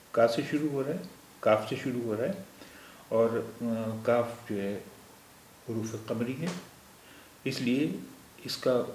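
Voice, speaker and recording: A man's voice: medium pitch, a little mellow. A man teaching a language lesson, patiently explaining each point step by step and repeating terms. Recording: echoey room with faint noise.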